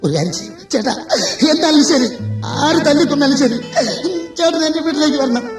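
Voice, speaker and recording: A man plays a young female dog in a stage story, begging and tearful in a high, thin voice. It is heard from a distance in a reverberant hall, with loud music behind. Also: quick pace. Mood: pleading. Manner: tearful pleading. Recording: echoey live stage from far, loud music.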